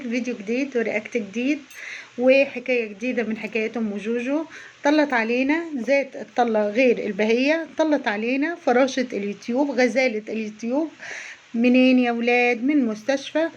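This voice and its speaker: A woman's voice: on the high side, muffled recording. A woman with an Egyptian accent doing a mocking reaction vlog, chatting straight to her viewers. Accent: Egyptian Arabic. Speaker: YouTube reaction vlogger. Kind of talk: casual sarcastic reaction commentary.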